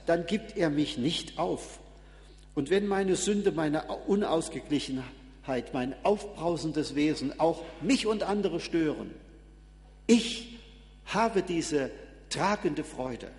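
A man preaching a sermon as pastor, emphatic and swinging between loud and hushed passages. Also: fairly high pitch, long reverb tail.

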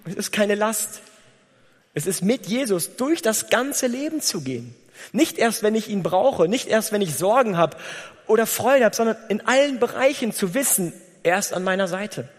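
A male preacher from Germany delivers a lively, conversational sermon at a moderate pace, acting out short exchanges of dialogue. His high, animated voice rises and falls a great deal, carried by the long reverb of a church hall.

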